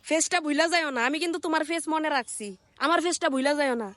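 Talking fast in a high voice, a content creator rants sarcastically in a scolding reaction video. She has a colloquial Bangladeshi Bengali accent, and the phone recording carries background noise.

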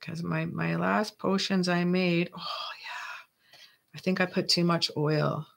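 This Canadian crafting channel host keeps up a chatty, jokey running commentary while working, often addressing themselves. Their medium-pitched, creaky voice moves at a measured pace with fairly even intonation.

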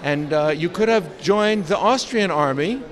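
A man interviewing a guest at an event, halting, repeating words with many fillers. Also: sits high, expressive. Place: crowded indoor event.

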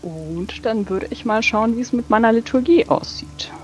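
A woman's voice: fairly high pitch, animated, moderate pace, darkish tone. A woman narrating her character's actions and working through rules as a player in a tabletop role-play. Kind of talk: casual game narration and rules talk. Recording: dull lo-fi mic over background music.

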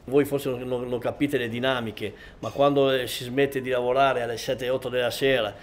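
A man's voice: mid-range voice, flat delivery, moderate pace. A man, a fisherman in a casual interview, explaining firmly with some stammering.

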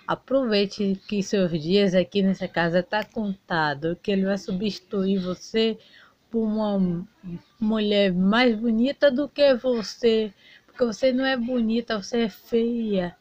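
A woman's voice: mid-range voice, steady tone, a little slow, darkish tone, dry recording, highs cut off, natural voice. A woman voicing a spiteful, snobbish young rich fiancée who taunts the maid. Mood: taunting. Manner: taunting, mocking.

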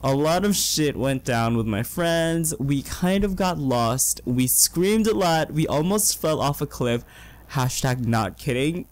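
A hoarse young man chatting excitedly through casual gameplay commentary as a let's play host. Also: medium pitch, unhurried. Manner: chatty and excitable, gushing with slang. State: hoarse, losing his voice.

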